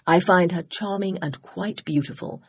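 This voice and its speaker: A woman reading an audiobook, voicing an easygoing young gentleman who sounds relaxed and good-natured. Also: lowish voice, moderate pace, breathy edge, dry recording. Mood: puzzled.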